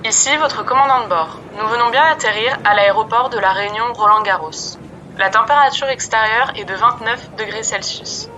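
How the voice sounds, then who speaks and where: A woman's voice: fairly high pitch, normal speed, sharp tone, muffled recording, slight background noise. A woman playing an airline captain, cabin announcement. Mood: formal. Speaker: podcast host.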